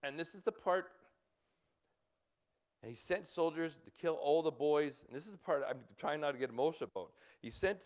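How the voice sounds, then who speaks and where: Fifties male pastor, Canadian accent, high and animated delivery, halting and urgent. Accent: Canadian English. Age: 50s. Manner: halting, repeats words, urgent exhortations. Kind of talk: sermon.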